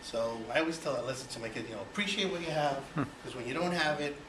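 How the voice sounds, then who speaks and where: A man's voice: on the high side, fast talker, a crowd in the background. A Cuban-born man in his forties giving a personal speech to an audience, chatty and full of you-knows. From Cuba. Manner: conversational, many you-knows, rhetorical questions. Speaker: speaker giving an icebreaker speech. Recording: echoey room, voice from far off, noisy.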